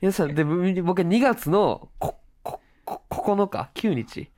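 Young male Kansai comic co-host, slightly high, very expressive storyteller. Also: slow pace. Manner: animated storytelling, acts out others' lines, laughs often. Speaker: comedian co-host. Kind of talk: casual radio chat.

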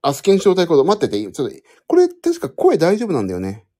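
A man's voice: fairly high pitch, wildly swooping pitch, fast, mellow, husky. A man hosting a casual solo podcast, rambling and correcting himself as he thinks aloud while fiddling with his phone. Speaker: podcast host. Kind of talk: casual solo chat to listeners.

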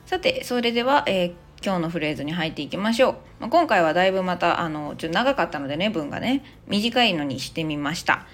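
A Japanese woman in her thirties hosting a casual audio English lesson, chatty and full of fillers, who reads model English phrases slowly. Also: on the low side, sing-song. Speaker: English teacher and podcast host. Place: Australia, speaking from abroad.

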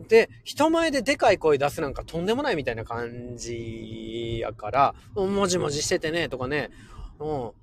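A man's voice: a little high, slight background noise. A man in his forties with a Kansai accent, hosting a casual solo podcast, chatty and often laughing. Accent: Kansai Japanese. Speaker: podcast host.

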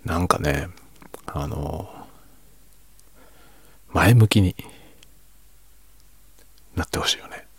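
A man talking quietly and casually in a low late-night monologue, reflective and self-deprecating in a soft-spoken way. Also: drawn-out words, vocal fry, pauses often, breathy edge. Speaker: streamer and hobby novelist.

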